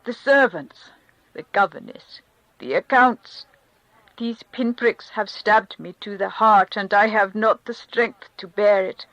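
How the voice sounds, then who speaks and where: A woman reads an audiobook character: a crushed, humiliated middle-aged official in grief, whom she renders with a thin, strained, pleading and anguished voice. She is medium-pitched, unhurried and slightly bright, and the recording sounds dry and lo-fi.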